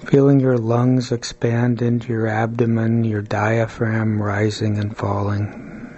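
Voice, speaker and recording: Even-toned man guiding a slow meditation. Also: fairly low pitch, muffled recording, slight background noise. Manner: calm, soothing, with long pauses between short phrases. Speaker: meditation guide. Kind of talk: guided body-scan meditation.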